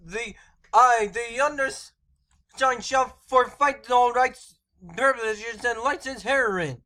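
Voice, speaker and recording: Man playing furious eccentric boss, extremely high voice, pedantic ranting, explosive outbursts, silly fandub comedy. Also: takes it slowly, full character voice. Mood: indignant, officious. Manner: ranting, legalistic, shouting outbursts. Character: furious eccentric male candy-factory owner, pedantic and explosive. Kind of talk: silly amateur fandub of a film scene.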